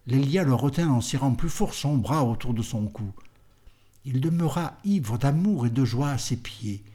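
A man narrating a literary audiobook in a measured, unhurried manner. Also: mid-range voice, expressive, dark tone, slightly rough.

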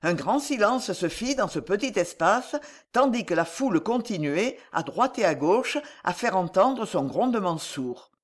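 An audiobook narrator reading a historical adventure novel aloud with expressive, dramatic narration. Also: mid-range voice, unhurried.

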